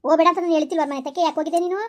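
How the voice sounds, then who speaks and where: An actress playing a weary village mother who scolds fast yet accepts her fate. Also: extremely high pitch, fairly even intonation, darkish tone. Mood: scolding. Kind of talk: village family drama.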